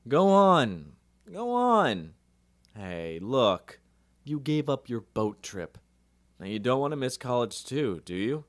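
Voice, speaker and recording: A man in his fifties , as an actor plays him, as a radio drama's easygoing, excitable uncle. His pitch leaps around while the pace stays fairly slow. The recording is dry. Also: no echo. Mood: urging. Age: 50s. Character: excitable, kindly middle-aged uncle, easygoing.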